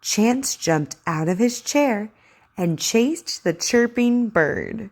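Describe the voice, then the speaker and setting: Slow, over-enunciating woman teacher reading aloud. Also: fairly high pitch, lively intonation. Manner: over-enunciating, deliberate word by word; encouraging. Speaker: speech articulation teacher. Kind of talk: instructional read-aloud lesson for children.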